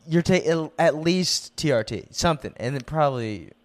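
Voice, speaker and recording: Young male podcast co-host, lively and jokey, slightly high voice, loose chat. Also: normal speed. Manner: joking, laughs often, animated. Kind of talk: casual chat.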